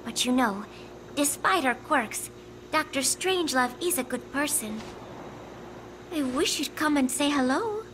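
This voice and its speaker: Brief: soft, drifting young girl in a game, high and slow, with clear noise behind. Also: animated. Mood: gentle. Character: frail gentle teenage girl, tired and sweet. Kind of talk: video game cutscene acting.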